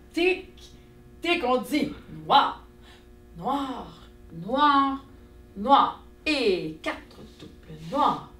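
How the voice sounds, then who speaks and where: A woman with a Québécois accent leads a children's music lesson in a bright, lively, sing-song voice that swoops up and down. She sounds set back from the mic in an echoey room, with a faint hum underneath. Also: on the high side, recorded from a distance. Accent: Québécois French. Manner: animated, sing-song, addresses children warmly. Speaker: music teacher.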